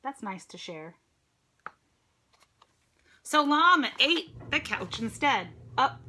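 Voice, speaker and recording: Sitting high and very animated, this middle-aged American woman's voice is slow, pushed and bright, with a little hiss or hum behind it. As a teacher reading a picture book to children, she performs expressively with chatty asides and questions. The recording is made at home on a phone or tablet at arm's length, in a room with a dresser and ceiling fan.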